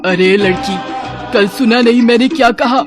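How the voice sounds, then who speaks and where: A woman voicing a vengeful female ghost, a dead first wife, who gives commanding warnings in a loud voice, with music behind. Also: a little high, moderate pace, lightly acted. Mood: urgent warning.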